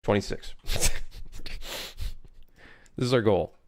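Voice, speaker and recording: A Swiss-born man streaming his game development, chatting loosely and cracking jokes as he reads chat aloud. His voice sits a little low and stays casual and unhurried. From Switzerland. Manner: joking, reading chat aloud, thinking out loud.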